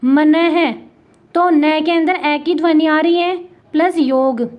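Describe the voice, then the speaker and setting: A woman's voice: sits high, steady tone, slow, dull audio. A woman teaching Hindi grammar with a Rajasthani accent, asking and answering her own questions and spelling letters out one by one. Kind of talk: classroom lesson.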